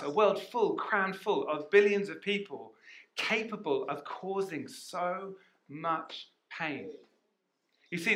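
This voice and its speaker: A man preaching a sermon as pastor, energetic and questioning the congregation, on a headset mic in a church hall. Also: on the high side.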